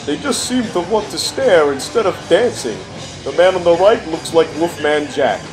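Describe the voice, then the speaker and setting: An older man narrates in a comic, grumpy manner. His voice is fairly high and swings up and down a lot as he complains in folksy, exaggerated fashion. Music plays clearly behind him. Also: lively intonation, normal speed, poor audio. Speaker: comic commentator. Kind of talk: comic narration over festival videos.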